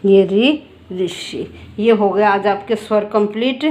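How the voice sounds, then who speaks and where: A woman's voice: mid-range voice, fairly even intonation, measured pace, darkish tone. A woman teaching handwriting, walking through each stroke and repeating them patiently. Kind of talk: handwriting lesson.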